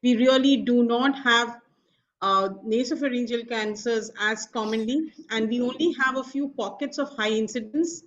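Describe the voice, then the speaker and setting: A middle-aged woman with an Indian accent giving a formal, measured medical lecture as a professor. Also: on the high side. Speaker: professor of radiation oncology, guest speaker. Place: online video call. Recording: dull lo-fi video call audio.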